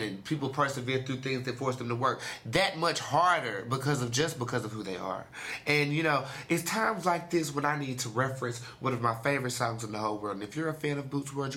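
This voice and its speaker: A man's voice: medium pitch, bright, forceful tone, a little hiss or hum. Rambling, jokey man hosting. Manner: rambling and jokey, with puns and asides. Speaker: radio and video host. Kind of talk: casual motivational radio talk.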